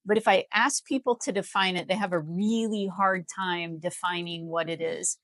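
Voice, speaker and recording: An American woman from Missouri, CEO of a healthcare company, explains things emphatically and persuasively as a guest in a live interview. Her voice is fairly low and steady, a bit bright, at normal speed, with no echo.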